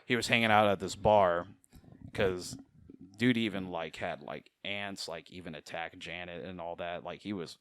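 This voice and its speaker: A man co-hosting a podcast, casually retelling comic book stories in an animated way, acting out the characters' lines and laughing often. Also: sits low, normal speed, clean tone, dry recording. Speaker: podcast co-host.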